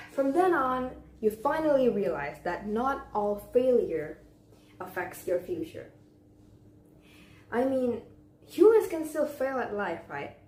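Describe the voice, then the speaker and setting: A young woman delivers a memorized contest speech in a deliberate, theatrical way, with pauses and rhetorical questions. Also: mid-range voice, very animated, warm tone. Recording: echoey room with faint background noise.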